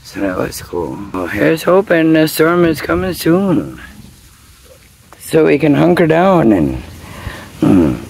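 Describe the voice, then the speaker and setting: A woman's voice: deep voice, big pitch swings, takes it slowly, vocal fry, long pauses, darkish tone, slight background noise. A middle-aged woman chatting casually in a camping vlog, laughing between remarks, filmed outdoors in a backyard by a tent. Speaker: camping vlogger. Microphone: camera on a stand at a distance, later phone at arm's length.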